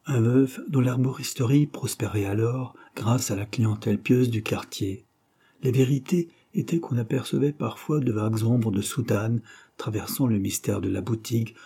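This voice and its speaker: A man narrating a classic novel as an audiobook reader, in a measured, literary way. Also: medium pitch, dark tone, breathy edge.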